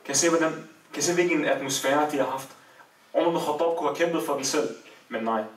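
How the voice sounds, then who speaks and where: A man telling a religious story as a sermon, with emotional rises and falls in emphasis. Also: a little high. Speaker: preacher. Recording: echoey room, voice from far off.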